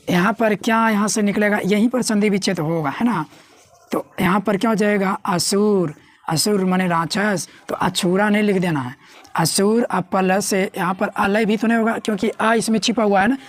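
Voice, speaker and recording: A young woman teaching grammar at a board, her voice at an ordinary middle pitch. She keeps quizzing her students and answering herself, and she stretches out words slowly to spell them syllable by syllable. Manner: repeats key words and asks the class questions.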